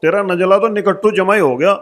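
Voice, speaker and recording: A man playing a rough, scolding husband in a village comedy sketch. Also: high-pitched, fairly even intonation, a little fast, a bit bright. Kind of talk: rustic comedy acting.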